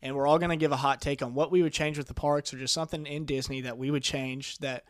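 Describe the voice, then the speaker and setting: A man's voice: medium pitch, fairly even intonation, fast talker, no room sound, clean studio sound. A man of twenty co-hosting a podcast, talking eagerly and upbeat in a room at home. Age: 20s. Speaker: podcast co-host. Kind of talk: casual chat. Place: room in a house.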